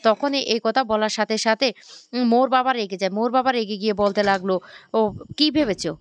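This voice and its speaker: A woman host retelling a TV serial episode in brisk storytelling. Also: on the high side, fairly even intonation, clear, resonant tone, dry recording. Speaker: channel host.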